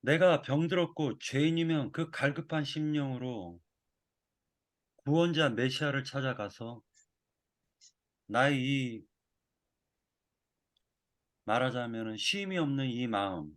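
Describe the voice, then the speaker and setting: Korean guy preaching a sermon, slow and thoughtful, lots of pauses and restarts, normal mid pitch. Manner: measured, reflective, with pauses and restarts.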